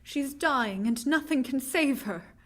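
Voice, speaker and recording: A woman's voice: high-pitched, expressive, slow. A woman playing an earnest, frightened young woman in a vintage-style radio drama, speaking with dramatic, anguished deliberation. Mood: haunted, recounting. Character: frightened earnest young woman, Mina Harker, narrating her ordeal.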